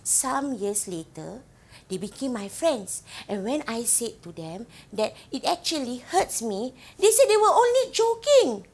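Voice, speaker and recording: A wistful Singaporean villager, lilting and slow. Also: female voice, a little high, sing-song, a little hiss or hum. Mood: reminiscing. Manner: gentle, reflective, asks the listener questions. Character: woman fondly recalling her island village childhood. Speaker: actor in a monologue. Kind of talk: theatrical storytelling monologue to the audience.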